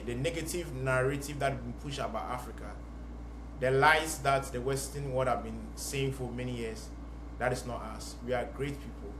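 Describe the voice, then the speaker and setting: A man's voice: mid-range voice, noisy background. A young Ghanaian man hosting a podcast, talking in an earnest, encouraging, preacher-like way. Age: young adult. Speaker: podcast host. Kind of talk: motivational podcast monologue. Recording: roomy echo with faint music.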